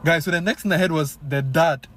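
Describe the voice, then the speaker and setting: A young Ghanaian man with a Ghanaian accent, telling a story to his viewers in an animated, casual way full of fillers. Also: on the high side, a little fast. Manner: animated, many fillers, addresses viewers as guys. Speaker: vlogger.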